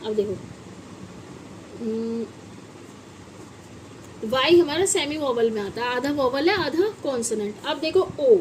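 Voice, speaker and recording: A woman gives a patient phonics lesson. Her voice sits high and her pace is slow and deliberate as she spells words out letter by letter. A faint hiss of background noise runs under the recording. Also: expressive, a little mellow, low-quality recording. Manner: asks children questions and spells words letter by letter. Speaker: English teacher.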